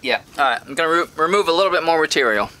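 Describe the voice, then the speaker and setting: A man's voice: on the high side, expressive, racing, bright, forceful tone, slight background noise. A man talking casually through a bone carving project in his workshop, thinking aloud with frequent fillers. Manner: thinking aloud with many "um"s, upbeat when things work.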